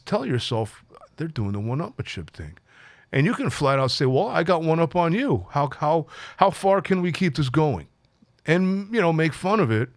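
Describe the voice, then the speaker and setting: A man's voice: medium pitch, no room sound. A man who works as a life coach, talking casually and reflectively to his audience, with frequent fillers and restarts. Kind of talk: solo talk to camera.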